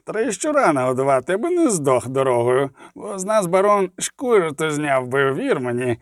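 Man voicing a loud, high, jeering mercenary; lively and coarse. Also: moderate pace, no room sound, studio quality. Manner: rowdy, jeering. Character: coarse boisterous male mercenary, mocking.

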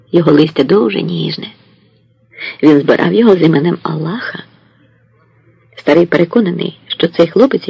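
A male narrator reading an audiobook in a steady, unhurried way. His voice is high for a man, with a gravelly, husky texture. The recording is dry and a little dull. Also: dry recording.

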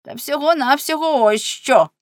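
A woman's voice: on the low side, moderate pace, no room sound, natural voice. A haughty, scornful colonial governor speaks up with a raised, sneering voice, as a woman reading a novel puts him on. He taunts and preens in a pompous way, in a dry close recording. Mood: mocking. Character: arrogant mocking male colonial governor. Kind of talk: audiobook character voice.

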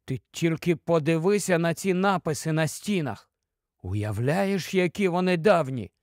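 A man's voice: on the high side, animated, measured pace, no room sound, clean studio sound. A man voicing a boy who whispers in awe in an audiobook. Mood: awed.

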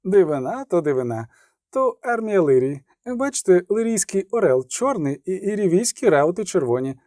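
A man voicing a talkative army field medic who speaks slowly and soothingly with deference. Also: sits high, big pitch swings, mellow, no room sound, clean studio sound, pitched above the performer's own voice. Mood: chatty, reassuring. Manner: chatty, deferential, slow and soothing.

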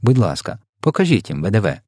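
A calm, well-mannered little girl from a storybook, as a male reader voices her. She speaks plainly and politely, explaining things to the grown-ups. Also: on the low side, fast, no echo, studio quality. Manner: polite, matter-of-fact. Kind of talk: storybook character voice.

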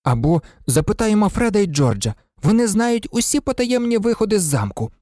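An audiobook reader voicing an excitable, blunt teenage boy who blurts out his ideas eagerly. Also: mid-range voice, fairly quick, no echo, clean studio sound, pitched above the performer's own voice, lightly acted. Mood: insistent. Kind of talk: audiobook character reading.

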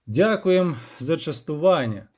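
A man voicing a calm, patient monster hunter who speaks in a measured, polite way. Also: on the high side, breathy edge, exaggerated voice.

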